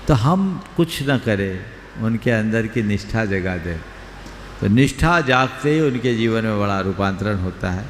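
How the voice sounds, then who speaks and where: A man, a monk, giving calm, measured counsel in a spiritual question-and-answer session. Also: fairly low pitch, a little hiss or hum. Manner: measured, advisory, gives brief counsel. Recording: long hall reverb, roomy, faint ambience.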